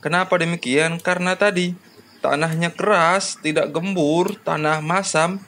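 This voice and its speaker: A man's voice: on the high side, steady tone, a little slow, sharp tone, a little hiss or hum. A man explaining a farming lesson to farmers, with frequent fillers and rhetorical questions. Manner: addresses farmers as "Bapak Ibu", frequent "ya" and "namanya" fillers. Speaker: farming channel host.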